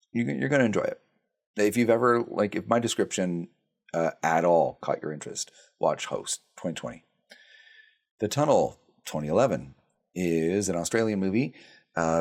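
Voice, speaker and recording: A man with a very low voice running through quick film reviews. He talks casually, with plenty of ums, restarts and dry sarcasm. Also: darkish tone. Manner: blunt, sarcastic, with frequent fillers and restarts. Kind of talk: casual spoken movie reviews.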